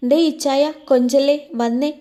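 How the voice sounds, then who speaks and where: A woman's voice: sits high, fairly even intonation, moderate pace, mellow, close to an everyday voice. A woman reading an audio love story, voicing a playful young woman who coaxes her husband affectionately. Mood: coaxing. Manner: coaxing, affectionate.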